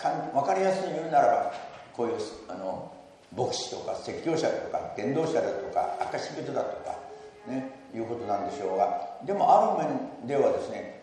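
A man preaching a sermon as pastor. He speaks earnestly and leads the congregation, stressing key words with rises in pitch and volume. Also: mellow, a little hiss or hum. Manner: leads the congregation in repeating a verse. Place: church sanctuary. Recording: echoey church hall, mic at a distance.

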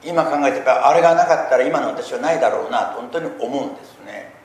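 A middle-aged man preaching a sermon, talking earnestly and swelling loudly on key points. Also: medium pitch, expressive, fast talker. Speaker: pastor. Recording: echoey room with faint noise.

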